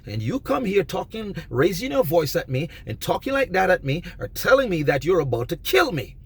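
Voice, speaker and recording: A man giving an emphatic, preachy monologue of advice, often rising almost to a shout. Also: high voice, very animated, brisk, breathy edge. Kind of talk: passionate monologue.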